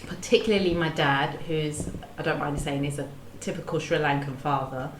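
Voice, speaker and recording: A woman hosting a podcast discussion, measured and earnest, partly reading from research notes with small restarts. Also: sits low, steady tone, background noise. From London, England. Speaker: podcast host. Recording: roomy echo.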